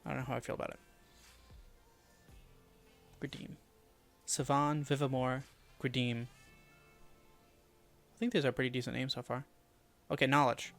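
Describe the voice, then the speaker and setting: A man streaming live, thinking aloud as he mutters and repeats made-up names to test how they sound, often dropping to a quiet murmur. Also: mid-range voice, fairly even intonation, unhurried, gravelly, pauses often, faint music behind. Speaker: streamer building a fantasy world.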